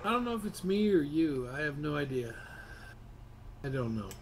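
A man's voice: on the high side, sing-song, moderate pace, noisy background. Man muttering through a frozen video call. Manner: mildly frustrated, swears now and then. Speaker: streamer. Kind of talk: casual live-stream chat.

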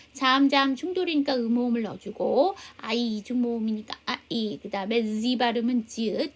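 A middle-aged woman teaching a basic English class, explaining patiently and slowly, spelling out letters. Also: on the high side. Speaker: English teacher at a seniors' welfare center. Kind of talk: classroom lesson.

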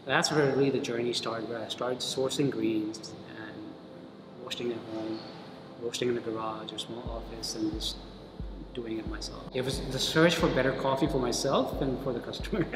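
A middle-aged man from Pakistan speaks in a thoughtful, unhurried interview manner, often restarting his sentences and letting them trail off softly. The sound is roomy, with the echo of a cafe interior and steady background noise under his voice. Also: medium pitch. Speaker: coffee roaster. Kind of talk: sit-down interview. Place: cafe interior with roasting gear.

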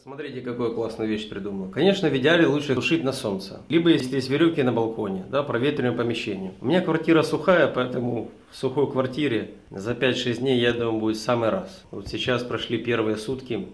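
A man's voice: mid-range voice, fast talker, few pauses. A man with an Odesa accent hosts a cooking show in voice-over, talking to viewers in a folksy, chatty way. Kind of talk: recipe voice-over narration. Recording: roomy echo.

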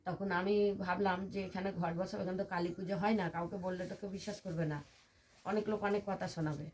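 Older woman with a low voice, earnestly recounting. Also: steady tone, quick pace, a little mellow, a little hiss or hum. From West Bengal, India. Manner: earnest, detailed recounting with many reported quotes. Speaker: temple devotee interviewee. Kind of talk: personal storytelling in an interview.

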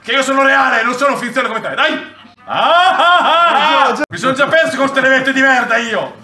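A man reacting loudly to a virtual reality game, swearing and shouting in excitement. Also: very high voice, fairly quick, distant mic. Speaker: presenter playing a VR game. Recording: echoey room, voice off-mic.

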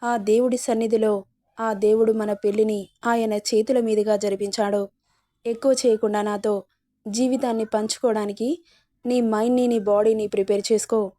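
A woman's voice: fairly high pitch, level tone, moderate pace, warm tone, no room sound, studio quality, lightly acted. A woman voicing a possessive, domineering young husband in a story reading, talking in a commanding way.

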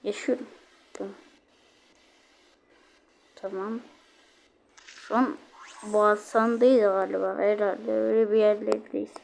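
A woman talking through her own game play as a let's-play host, chatty and exclaiming, quickly annoyed when the game goes wrong. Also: medium pitch, little pitch movement, creaky, darkish tone, slight background noise. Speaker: gaming channel host.

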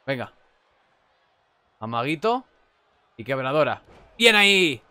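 A young man with a Spanish accent commentating on a wrestling video game. He chats casually and shouts at big moves. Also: medium pitch, very animated, takes it slowly, smooth, no room sound. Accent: Spain Spanish. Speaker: gameplay commentator.

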